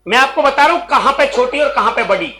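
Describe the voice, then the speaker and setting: A man's voice: very high-pitched, expressive, sharp tone, poor audio. A male coaching-class teacher, teaching a Hindi grammar lesson in a classroom and calling questions out to his students. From Rajasthan. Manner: calls out questions to students and repeats answers; slow, drawn-out teaching delivery.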